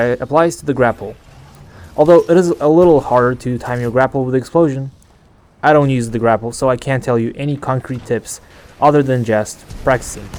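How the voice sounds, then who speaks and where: A man narrates a scripted gaming guide as its host. His voice sits at an average pitch for a man. The home recording carries faint noise behind him. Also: a little mellow.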